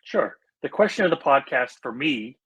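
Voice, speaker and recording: A man's voice: medium pitch, animated, moderate pace, a bit bright, husky, dull audio. A man co-hosting a podcast in casual chat, explaining things in an earnest, easygoing way. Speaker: podcast co-host.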